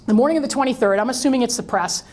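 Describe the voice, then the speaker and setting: A middle-aged woman speaks to an audience in a lively storytelling talk, her voice sitting a little high. She often repeats words as she restarts a thought. She talks into a wireless mic. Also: rapid-fire. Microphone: wireless mic that drops out.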